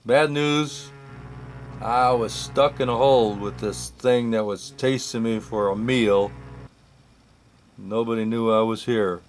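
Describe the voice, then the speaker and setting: Slow rambling male storyteller. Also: medium pitch, fairly even intonation, soft background music. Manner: rambling, self-correcting, comic asides. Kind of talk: first-person story narration.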